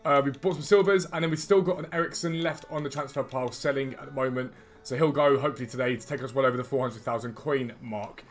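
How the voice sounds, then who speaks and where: Fast-talking man who says w for r. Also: mid-range voice. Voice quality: cannot pronounce R's properly, says w for r. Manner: chatty, informal, addresses viewers directly. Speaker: gaming YouTuber and host. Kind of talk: casual gaming video commentary.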